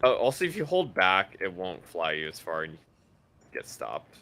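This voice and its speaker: A young man with a low but bright, forward voice talks with a friend over a game. His pitch swings a lot as he explains things in loose, animated bursts full of "like" and "uh.". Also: moderate pace. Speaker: co-player. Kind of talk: casual gameplay chat.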